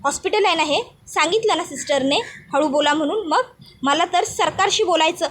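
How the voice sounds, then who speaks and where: Brief: woman reading young man, suspicious, terse questions, quick delivery. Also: extremely high pitch, fairly bright tone. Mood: curt. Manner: pressing, curt questions.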